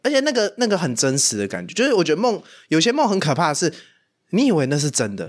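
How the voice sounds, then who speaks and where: A young man with a Taiwanese Mandarin accent, telling dream stories in a casual podcast chat, animated and often laughing. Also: fairly high pitch, fast. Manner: animated storyteller, laughs a lot. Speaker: podcast host.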